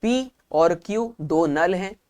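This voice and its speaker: A man's voice: sits high, expressive, slow pace, a little mellow. A male math teacher working through exam problems one step at a time. He poses each question aloud and answers it himself, and he repeats the key points to make them stick. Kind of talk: math lesson for exam prep.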